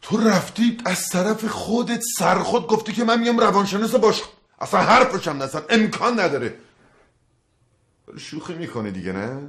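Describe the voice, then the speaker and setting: A man's voice: lowish voice, expressive, lightly acted. A man playing a harried psychologist who protests his brother's schemes in a sitcom. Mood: indignant. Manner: exasperated, protesting. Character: harried psychologist, a grown son. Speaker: psychologist Nima. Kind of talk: sitcom acting.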